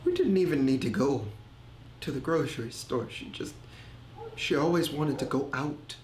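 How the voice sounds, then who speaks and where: An actor playing a grieving man who speaks haltingly, repeating words and trailing off, in a film monologue. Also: medium pitch, animated, a little hiss or hum, natural voice. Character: grieving middle-aged man, haunted, hesitant. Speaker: man recounting family tragedy. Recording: roomy echo with faint ambience.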